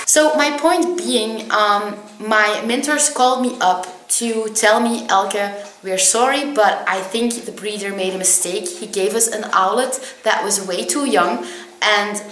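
A young woman chats straight into her webcam in a small room, with lots of ums and little self-mocking laughs. Her voice sits at a middle pitch. The room around her adds a noticeable echo. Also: a bit bright, a little hiss or hum. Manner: chatty, many ums, laughs at herself. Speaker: vlogger. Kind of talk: casual storytelling to camera. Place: small indoor room with plain wall. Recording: echoey room.

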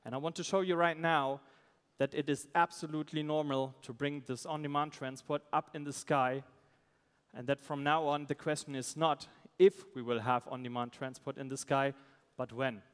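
A man, a startup founder giving a halting, pitch on a conference stage. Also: fairly even intonation, smooth. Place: stage in a large event hall. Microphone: headset. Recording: amplified voice in large reverberant hall.

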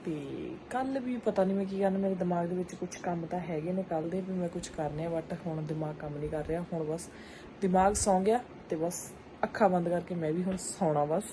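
A woman in her thirties with a Punjabi accent narrates her home vlog, chatting casually to viewers and family. She is a mother and family vlogger whose voice sits fairly low and moves a little fast. Household and outdoor ambience can be heard clearly in the background.

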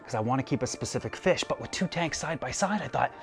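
A man's voice: mid-range voice, expressive, fast, vocal fry. Chatty man narrating a home build. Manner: upbeat, chatty, jokey asides. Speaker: DIY aquarium video host. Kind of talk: casual build narration to camera. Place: basement room at home. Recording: faint background music.

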